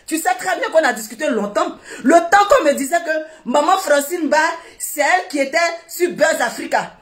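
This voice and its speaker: Shouting woman ranting on a live. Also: high voice, expressive, normal speed. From Ivory Coast. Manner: shouting, mocking, laughing taunts. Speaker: livestreamer. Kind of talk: insult-laden livestream rant.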